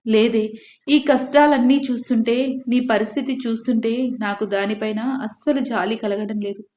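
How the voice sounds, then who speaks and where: A woman reading the part of a bedridden mother, scolding loudly and bitterly. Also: a little high, fairly even intonation, moderate pace, lightly acted. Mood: furious scolding. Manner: shouting, scolding. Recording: echoey room, dull lo-fi.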